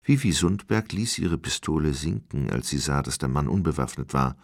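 A man narrating an audiobook of a crime novel in a steady, grave manner, recorded close on a studio mic. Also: extremely low pitch, normal speed, gravelly, dry recording. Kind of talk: audiobook reading.

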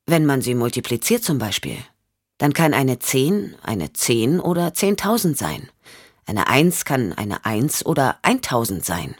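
A woman voicing a calm male investigator who questions gently and patiently, for an audiobook. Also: extremely low pitch, unhurried, breathy edge, no echo, studio quality, exaggerated voice.

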